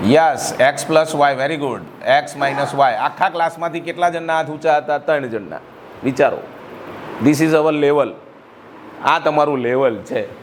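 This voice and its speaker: This fairly high-pitched, unhurried male voice belongs to a middle-aged school director from Gujarat, India, who has a Gujarati accent. Speaking over background noise in a school hall, he gives students a motivational talk and quizzes them with rhetorical questions.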